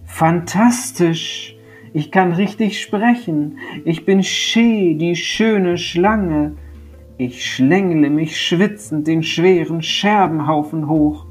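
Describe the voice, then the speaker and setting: A vain, sing-song female snake voiced by a man who can't manage the Sch sound, hissing softly through her lisp. She speaks slowly and high, sitting well above the performer's own pitch. A faint guitar plays underneath. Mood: delighted. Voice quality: lisping, soft hissing speech.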